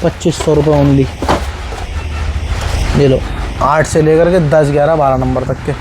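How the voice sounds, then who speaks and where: A man selling shop stock in an insistent, repetitive teleshopping-style sales pitch, calling out prices. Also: fairly even intonation, unhurried, noisy background. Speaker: shop seller presenting stock on video.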